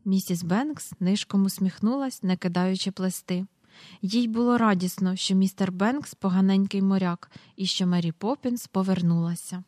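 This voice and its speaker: A woman reads a children's storybook aloud in an even storytelling manner. Her voice sits at a medium pitch. The recording is close and dry, with no room echo. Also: normal speed. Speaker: audiobook narrator. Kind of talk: scripted narration.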